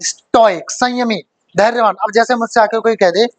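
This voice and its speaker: A man's voice: very high voice, normal speed, no room sound. A male teacher giving a vocabulary lesson, who asks questions and then answers them himself, repeating the key words for emphasis.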